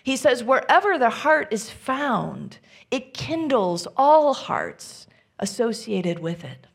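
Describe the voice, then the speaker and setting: A woman minister giving a gentle, reflective sermon, often dropping to a soft near-whisper. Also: fairly high pitch, big pitch swings, slow, creaky.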